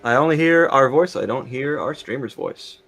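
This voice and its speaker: A man's voice: medium pitch, lively intonation, normal speed, a bit bright. A man commentating a racing livestream through a headset mic, with upbeat, showy broadcaster patter. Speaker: race commentator.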